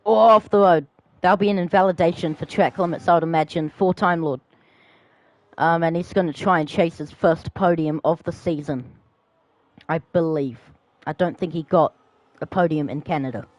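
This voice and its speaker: A young man giving live commentary on a sim racing league, rising to excited shouts at close battles and dropping to calmer asides. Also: a little high, normal speed, no echo, low-quality recording.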